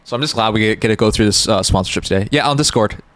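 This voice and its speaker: A man's voice: lowish voice, racing, fairly bright tone, dry recording. A man hosting a livestream, chatting informally and jokingly with his viewers into a close microphone. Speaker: live streamer, host. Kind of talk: casual livestream chat with viewers.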